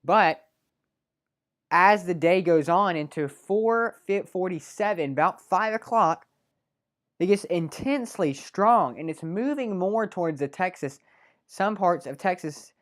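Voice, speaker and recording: Halting woman presenting local weather. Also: on the low side, expressive. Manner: halting, many fillers and self-corrections. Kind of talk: live weather segment, unscripted. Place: small local TV studio.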